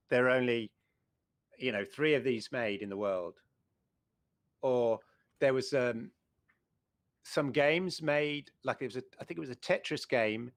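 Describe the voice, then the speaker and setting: A man's voice: medium pitch, dry recording, studio quality. Chatty middle-aged male gaming co-host. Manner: chatty, enthusiastic, rambling with restarts. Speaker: co-host of a retro gaming show. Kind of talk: casual chat.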